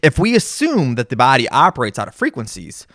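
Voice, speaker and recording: A man's voice: medium pitch, huge pitch swings, brisk, fairly bright tone, dry recording, studio quality. A man talking casually about music and his body while adjusting his guitar gear, repeating words and tagging "right?" onto his points. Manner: rambling, repeats words, says "right?" often. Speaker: musician and content creator. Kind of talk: casual monologue.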